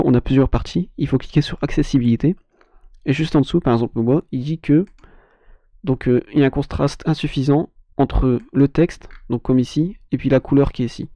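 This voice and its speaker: A man with a mellow, dark voice talks through a casual web design tutorial and often restarts his sentences. The recording is dry and a little dull, with no room sound. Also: mid-range voice, no room sound. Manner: meandering, many restarts and fillers. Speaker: web agency owner explaining web design. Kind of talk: casual screen-share tutorial.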